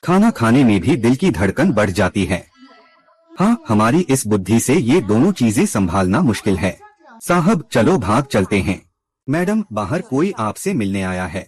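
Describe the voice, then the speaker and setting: A man's voice: lowish voice, very animated, normal speed, a little mellow, husky. Guy doing a drama recap, reads all the parts himself, voice bounces up and down a lot. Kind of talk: scripted recap narration voicing all characters.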